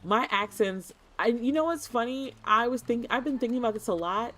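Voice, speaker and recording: A young woman chatting casually while streaming a game, animated and playful, slipping into put-on as she talks. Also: a little high, brisk, soft background music.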